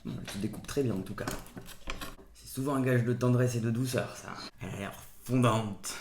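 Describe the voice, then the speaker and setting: A man's voice: mid-range voice, brisk, noisy background. A man hosting a casual food-tasting vlog at home, playful and punning, with mock-solemn verdicts. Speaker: food reviewer. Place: home, at the table. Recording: roomy echo.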